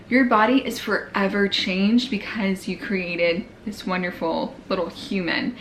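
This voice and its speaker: A woman's voice: medium pitch, slight background noise. A young woman casually recapping her pregnancy on a vlog, slightly out of breath, with lots of "like" and fillers. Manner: chatty, filler-heavy, frequent "like". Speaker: vlogger.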